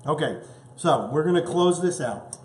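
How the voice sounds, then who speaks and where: A man's voice: fairly high pitch, lively intonation, moderate pace, darkish tone, echoey room, a little hiss or hum. Chatty man hosting a cooking show. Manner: enthusiastic, chatty, tasting food as he talks.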